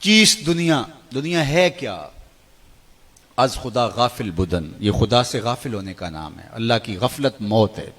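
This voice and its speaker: Impassioned male preacher. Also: lively intonation. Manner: impassioned, swings between soaring cries and hushed lows; chants Arabic verses slowly. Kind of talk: emotional Islamic sermon.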